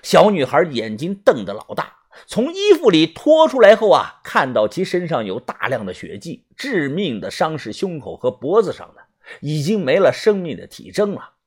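A man's voice: wildly swooping pitch, normal speed, breathy edge. A man narrating a suspenseful first-person audiobook, tense and dramatic in delivery. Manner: tense, suspenseful storytelling with strong pitch swings.

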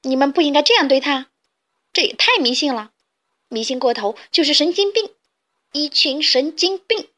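A woman voicing a brave, bold little girl chick in a storybook, talking loudly and forcefully. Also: high-pitched, very animated, moderate pace, voice pushed up. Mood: indignant. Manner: loud, indignant shouting.

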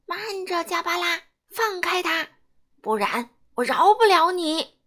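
A woman voicing a heroic superhero dad in a read-aloud children's story, loud and commanding. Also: extremely high pitch, lively intonation, takes it slowly, voice pushed up, heavily acted.

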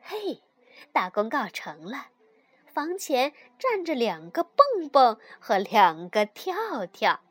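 A woman narrates a children's storybook with gentle, expressive delivery. Her voice sits high and moves a lot in pitch, and she takes her time. The recording is close and dry. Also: slow, no room sound, soft background music.

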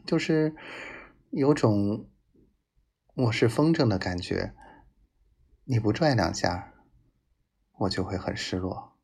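A low, gravelly male voice speaks slowly, as if confessing love to his woman. He is possessive and domineering, with an intense, intimate delivery that sometimes sinks toward a breathy whisper. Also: a little mellow. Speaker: narrator of love monologues addressed to his wife. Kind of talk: intimate romantic monologue.

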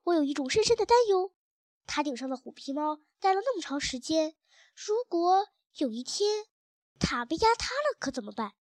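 A woman's voice: high voice, expressive, moderate pace, few pauses, dark tone, dry recording. A woman voicing a scheming, pompous male cat in a children's storybook, stirring up fear with mock worry. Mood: fearmongering. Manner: scaremongering, mock-worried.

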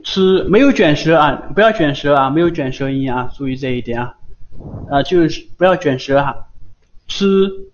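A man's voice: a little high, fairly quick, lo-fi sound. A man teaching Japanese pronunciation in an online class, patiently repeating syllables many times over a computer mic.

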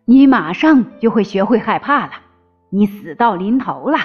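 A woman's voice: mid-range voice, normal speed, natural voice. A woman voicing a huge, fierce old bearded demon who roars threats, in a storybook reading. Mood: threatening. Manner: roaring, threatening. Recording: slightly dull with faint music.

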